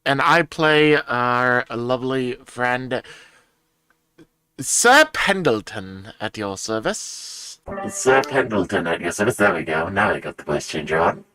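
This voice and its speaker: A man voicing a courtly gentleman character through a voice changer that morphs his voice, playing a tabletop role-play game. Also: medium pitch, lively intonation, takes it slowly, low-quality recording. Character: courtly gentleman, male, at your service.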